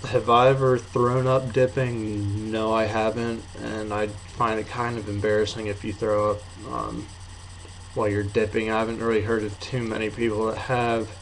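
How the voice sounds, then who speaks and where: Low, monotone young man with a packed lip. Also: moderate pace. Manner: low-key, hesitant, offhand. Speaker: amateur video reviewer. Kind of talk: casual rambling review to camera. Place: apartment bedroom. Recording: noisy room sound.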